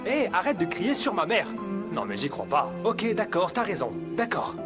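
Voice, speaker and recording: A man dubbing a harried grown son who keeps coaxing everyone to calm down in a dubbed television drama. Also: sits high, moderate pace, over music. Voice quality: coaxing, exasperated. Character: harried grown son trying to keep the peace.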